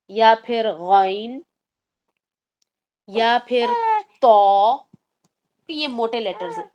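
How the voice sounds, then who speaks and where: Woman, recitation teacher, online class, slightly high voice, patient step-by-step explaining. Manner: patient, step-by-step explaining with English terms mixed in.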